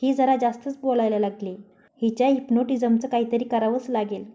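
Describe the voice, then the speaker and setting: A woman reading a story voices a touchy young man who covers his care with sarcasm and snapping. The voice sits slightly high and soft-toned. The recording is a little dull and lo-fi. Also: steady tone, brisk, close to an everyday voice. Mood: muttering. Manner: taunting, sarcastic. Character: young man, grumpy, teasing, quick to snap.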